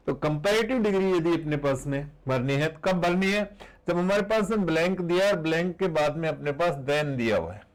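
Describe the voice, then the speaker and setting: A man's voice: on the high side, poor audio. A man teaching a grammar lesson to beginners, patiently repeating each rule and asking the class rhetorical questions.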